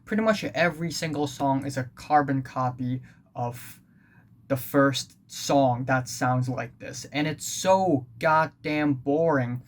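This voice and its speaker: A teenage boy from Hong Kong, a native Cantonese speaker with a Hong Kong accent, rambles through a blunt, casual album review full of fillers. His voice is medium-pitched and slow.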